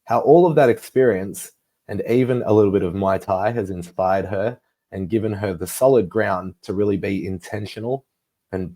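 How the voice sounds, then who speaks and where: Low-voiced male interview host. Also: dark tone. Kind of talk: podcast interview.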